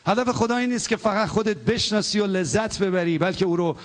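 A male pastor preaching a sermon, exhorting his congregation and leading them to repeat prayers aloud, his voice swinging between lively passages and low, hushed prayer.

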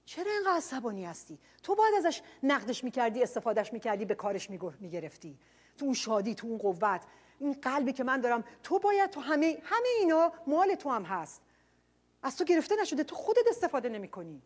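A woman preacher voicing a forgiving father who gently pleads with his angry son. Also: high-pitched, very animated, husky, heavily acted. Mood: pleading.

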